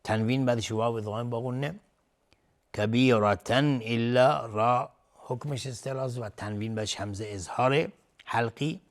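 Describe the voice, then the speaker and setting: A man teaching Quran recitation, chanting verses slowly and melodically, then explaining the rules in quick, lower speech. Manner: melodic slow chanting, then rapid low-voiced explanations.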